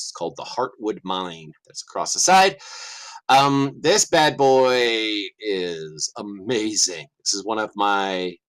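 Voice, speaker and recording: A middle-aged man with a mid-range voice joins a livestream call as a guest game master. He's lively and casual, dropping swear words and muttering to himself while digging through his screen.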